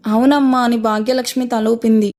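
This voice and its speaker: A woman reading an audio story as narrator, calm and even. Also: fairly high pitch, brisk.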